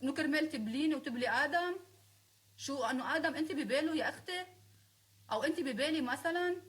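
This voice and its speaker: A woman's voice: high-pitched, fairly quick, a bit bright. A woman with a Lebanese accent, speaking on a live stream in a heated, confrontational and sarcastic rant, scolding her critics.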